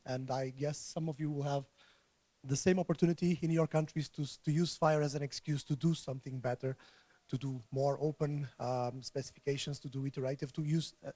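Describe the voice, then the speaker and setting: Hoarse man presenting. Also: medium pitch, fairly even intonation, warm tone, dry recording. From Portugal. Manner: halting, repeats words as he restarts. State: hoarse, recovering from illness. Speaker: conference speaker. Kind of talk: technical conference talk. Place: conference room before an audience.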